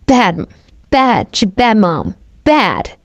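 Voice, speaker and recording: A woman's voice: mid-range voice, sing-song, extremely slow, dry recording. A woman streamer with a cute anime-style manner, giving casual, playful reaction commentary. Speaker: host, VTuber streamer.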